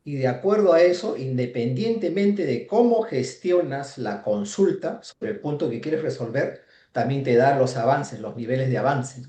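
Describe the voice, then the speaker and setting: A consultant joins an online workshop and speaks in a measured, methodical way, listing his points with tag questions. His voice is mellow and dark. It echoes around the room he speaks from. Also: mid-range voice, lively intonation. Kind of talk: explanatory comment in class.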